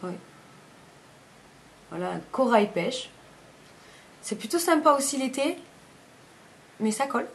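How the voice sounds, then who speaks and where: A woman's voice: sits high, big pitch swings, slow, long pauses, a little hiss or hum. Chatty woman. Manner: chatty, rambling, often corrects herself mid-sentence. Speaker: beauty vlogger. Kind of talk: casual makeup review chat.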